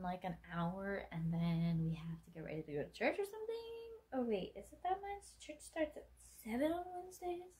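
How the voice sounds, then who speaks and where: A woman's voice: medium pitch, mellow. Woman in her twenties, late-night chatty vlogger, wandering and self-deprecating. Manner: rambling, self-mocking, many fillers. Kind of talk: casual late-night chat vlog.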